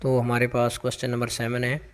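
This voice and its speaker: A man teaching English grammar for a job test, explaining each answer with lots of repetition and reading the English sample sentences out slowly. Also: mid-range voice, monotone, clean tone, in a large hall. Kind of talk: explaining exam questions.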